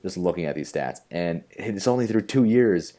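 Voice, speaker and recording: A young man talking baseball with a co-host, eager and rambling, full of fillers and restarts. His voice sits very low and sounds dark and mellow. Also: animated, normal speed. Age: young adult. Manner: enthusiastic, rambling baseball talk with many fillers. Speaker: podcast co-host. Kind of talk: casual chat.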